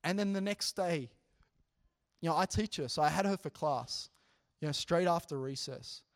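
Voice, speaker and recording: A man delivering a casual, story-driven sermon, voice sitting a little high for a man. He talks earnestly and with animation, often dropping in "you know" as he goes. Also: moderate pace. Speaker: preacher sharing a testimony.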